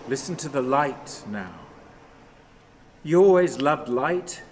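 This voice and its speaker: In a radio play monologue, an actor plays a haunted, restless, brooding man rambling to his dead father with bitter reminiscence. His mid-range voice is halting and repetitive, shifting between muttering and command. The recording is clearly noisy, with steady ambient sound.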